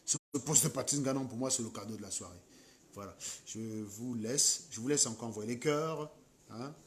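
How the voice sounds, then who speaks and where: A man's voice: mid-range voice, normal speed, a little hiss or hum. A man with a Cameroonian French accent, talking to his viewers on a late-night live stream and scolding commenters. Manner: scolding, combative, mocking commenters.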